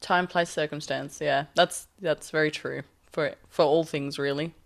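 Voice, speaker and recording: A woman's voice: low-pitched, steady tone, unhurried, creaky. A woman chatting casually as an interviewer, informal and agreeable in the way she talks. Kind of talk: casual chat.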